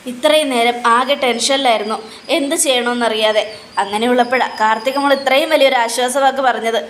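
A woman's voice: a little high, brisk, fairly bright tone, slight background noise, natural voice. A woman voicing a nervous, placating middle-aged father in a plain voice close to her own. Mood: anxious. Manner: anxious, placating.

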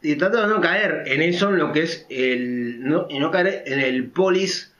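Pitched higher than most men, this vlogger speaks loudly and emphatically with lively intonation as he rambles through his opinions in a casual monologue. He keeps checking in with short tag questions, and the audio is roomy and a bit dull.

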